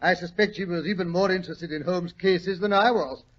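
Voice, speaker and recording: High-pitched, genial old British Doctor Watson. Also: male voice, brisk, a bit bright. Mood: reminiscing, jovial. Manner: chuckling, fussy, pompously wordy. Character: genial older English doctor telling his old adventures. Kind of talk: 1940s radio drama storytelling. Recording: dull vintage 1940s radio recording.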